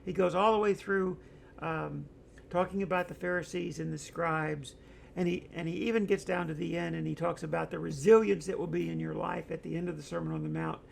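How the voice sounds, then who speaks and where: A man's voice: on the high side, fairly even intonation, fairly quick, vocal fry, slight background noise. A middle-aged man hosting an online discussion show, talking casually and reading out viewer comments, rambling with many fillers and stories.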